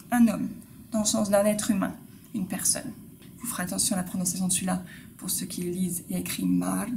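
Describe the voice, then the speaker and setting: Gravelly-voiced woman teaching a language lesson. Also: mid-range voice, background noise. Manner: clear, patient repetition of example words; friendly direct address to viewers. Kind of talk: casual video lesson.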